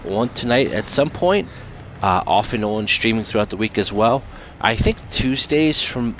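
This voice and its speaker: A man with a fairly low voice talks informally as a game streamer. His delivery is loose and halting, like casual updates to followers. Clear game noise runs behind him. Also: a bit bright. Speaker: game streamer and video creator. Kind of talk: casual gameplay commentary with channel updates. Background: video game ambience and noise.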